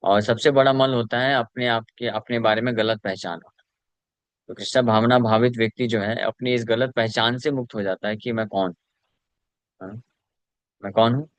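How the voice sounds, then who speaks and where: A spiritual teacher delivers a devotional lecture on scripture, explaining as he goes, mixing in English terms and reciting Sanskrit verses. His mid-range voice keeps a fairly even intonation at a moderate pace, with no echo.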